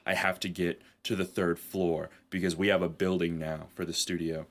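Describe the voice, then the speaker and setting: Man doing a rushed young intern, breathless, urgent, low voice. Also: flat delivery, fairly bright tone. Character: hurried young female office intern.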